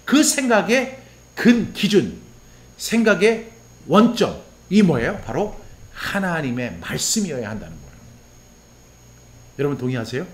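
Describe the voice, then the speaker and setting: A man's voice: a little high, measured pace, long pauses. A man preaching a sermon as pastor, asking the listeners questions and acting out quoted prayers and complaints. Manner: acts out quoted prayers and grumbling in lively voice; asks the listeners questions and answers them.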